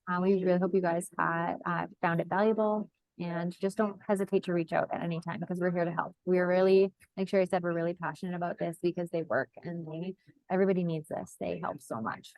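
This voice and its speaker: Low-voiced woman explaining plainly. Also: steady tone, fast talker, darkish tone, poor audio. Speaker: class host. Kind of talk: casual online class.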